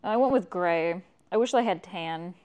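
A woman streamer chatting casually with her viewers while building something, swearing freely and reacting out loud. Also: fairly low pitch, moderate pace, clear, resonant tone. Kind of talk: casual livestream chat.

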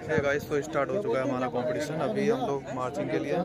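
A man's voice: medium pitch, level tone, quick pace, over a noisy crowd. A young man talking casually to viewers in a selfie vlog, filmed on a phone at arm's length, chatty and often checking in with the audience. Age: young adult. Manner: chatty, keeps asking "theek hai?" to viewers. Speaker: vlogger. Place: indoors at home and outdoors at a college camp. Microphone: phone held at arm's length.

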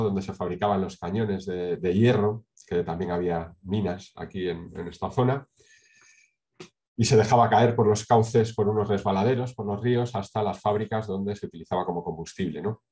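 A middle-aged man from Spain with a low, dark voice presents a project over a webcam on a video call. He talks in a measured way, pausing often with hesitations and tag questions. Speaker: sustainability consultant presenting a project. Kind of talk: online conference talk with slides.

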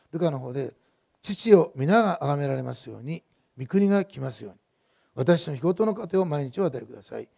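A man's voice: a little high, gravelly, dark tone. A middle-aged male pastor preaching a sermon in a conversational, digressive way, with many fillers and personal stories.

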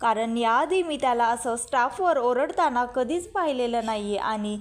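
A young woman retells a television serial episode, stepping through each scene and quoting the characters one after another. Her voice sits high and bright. She keeps up a steady storytelling flow. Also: moderate pace. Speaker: narrator recapping a TV serial. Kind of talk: storytelling recap with quoted dialogue.

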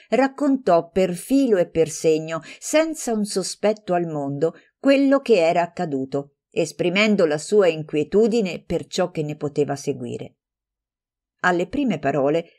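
A woman narrating a classic novel as an audiobook, reading in a measured, expressive way. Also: on the low side.

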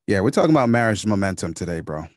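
A man co-hosting a podcast in casual chat, calm and understated, with plenty of slang. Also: on the low side, racing, dry recording, clean studio sound. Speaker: podcast co-host.

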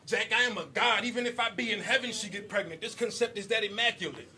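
Fast-talking and high-voiced, a battle rapper fires off punchy, rhythmic bars, chuckling between them, in an indoor basement venue packed with a crowd. The loud live recording has a little hiss or hum beneath the cheering and shouting.

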